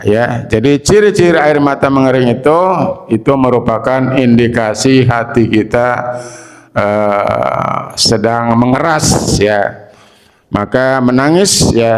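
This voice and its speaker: A male preacher giving a sermon in a mosque, drawn-out and questioning his listeners with frequent tag questions and playful asides. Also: mid-range voice.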